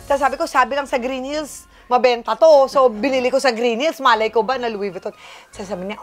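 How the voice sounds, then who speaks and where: A woman comedian in casual storytelling at her home, animated and acting out the voices she quotes. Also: on the high side, brisk, faint music behind. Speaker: guest comedian.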